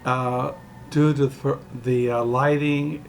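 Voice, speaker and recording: Gravelly man in his sixties, rambling. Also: medium pitch, little pitch movement, a little hiss or hum. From California, USA. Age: 60s. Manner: digressive, halting, with many fillers and restarts. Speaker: book vlogger. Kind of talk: rambling casual monologue. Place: dining room at home. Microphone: camera mic.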